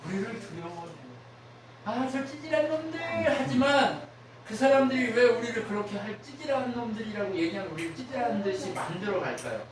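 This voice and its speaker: A man's voice: high voice, lively intonation, fast, very echoey, far from the mic, background noise. A man preaching a sermon as pastor, often asking the congregation questions and acting out the voices of people he quotes. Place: church sanctuary.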